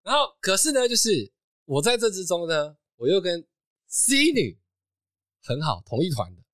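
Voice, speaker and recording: A man, hosting a podcast and telling a story in a casual, animated chat, laughing often. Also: high-pitched, moderate pace, no echo, clean studio sound. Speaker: podcast host.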